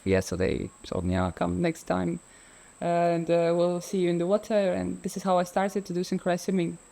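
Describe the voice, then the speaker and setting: With a creaky, mellow voice pitched fairly low, this woman from Ukraine chats at a moderate pace as a guest in a laid-back interview. She's a freediver, probably in her thirties, and she hesitates a lot, uses many fillers, and laughs frequently.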